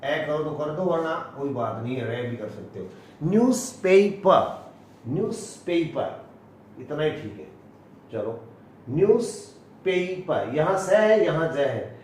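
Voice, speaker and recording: A man with an Indian accent teaching English pronunciation, spelling out words letter by letter and repeating each one slowly. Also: fairly high pitch, animated, darkish tone, a little hiss or hum. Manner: slow and deliberate, repeating each word. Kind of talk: classroom lesson, spelling out words. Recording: echoey room, voice from far off.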